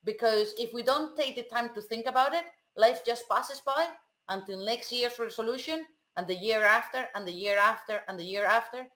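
A woman's voice: on the high side, normal speed, a bit bright. A woman speaking reflectively in a group conversation. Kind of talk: motivational group chat.

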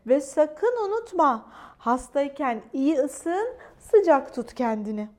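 A woman voicing a kind male doctor knight in a children's storybook, calm and reassuring. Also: sits high, slow pace, heavily acted.

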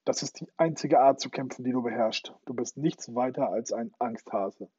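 Male narrator doing an angry, threatening pirate captain; loud and husky, lo-fi sound. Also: mid-range voice, measured pace, no room sound. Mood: raging. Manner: roaring, threatening. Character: snarling, hot-tempered pirate captain, adult man. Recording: dull lo-fi recording.

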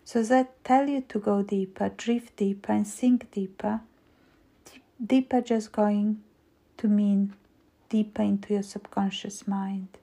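A woman hypnotist guiding a hypnosis induction in a slow, soothing, repetitive voice, breathy and often trailing into a whisper. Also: mid-range voice, steady tone, warm tone. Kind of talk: guided weight-loss hypnosis induction.

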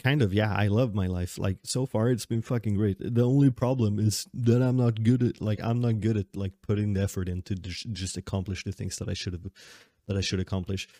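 A man in his late twenties with a fairly low voice talks through a casual solo podcast. He rambles, restarts his sentences and laughs at himself along the way. The sound is close and dry, with no room around it. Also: warm tone, no echo. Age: 20s. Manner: rambling, self-correcting, laughs often. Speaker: podcast host.

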